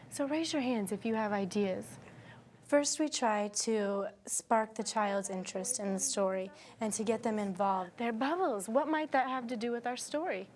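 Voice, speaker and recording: With a mid-range, slightly mellow voice and a bit of hiss or hum in the recording, this afterschool teacher in her twenties talks about how she teaches. She also leads children through a read-aloud, staying expressive and encouraging as she goes.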